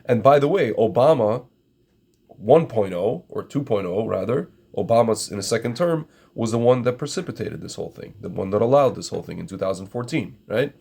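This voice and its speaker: A middle-aged Ukrainian man whose native language is Russian delivers an opinionated monologue to his viewers, often calling them "my friends." He is emphatic and keeps repeating phrases. His voice is lowish and gravelly, a little mellow, with a breathy edge.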